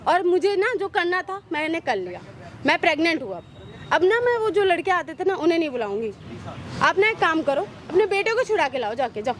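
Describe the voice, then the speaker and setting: A woman's voice: extremely high pitch, very animated, a little fast, a bit bright, a faint crowd, heavily acted. A woman playing a brazen, defiant young daughter-in-law who taunts and mocks without shame, in a street skit. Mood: defiant, mocking. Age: young adult. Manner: taunting, mocking, unashamed. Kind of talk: street social skit acting.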